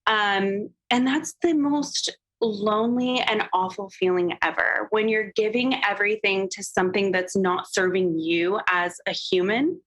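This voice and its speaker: As a podcast guest, a woman talks about her photography business and tells an emotional personal story openly, her speech heavy with "like" and "um." Her medium-pitched voice is a bit bright, unhurried and has few pauses, on a rough recording.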